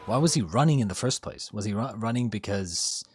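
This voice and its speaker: A man's voice: fairly low pitch, expressive, fairly quick, faint music behind. A man giving casual streamer reaction commentary to an anime in an incredulous, sarcastic manner.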